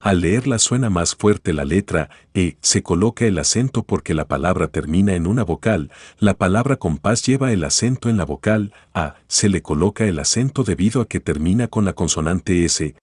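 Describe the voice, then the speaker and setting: Deep husky male teacher, dry sound. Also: normal speed, few pauses, no room sound. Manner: calm, explanatory, guides listener through an imagined story. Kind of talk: spoken grammar lesson.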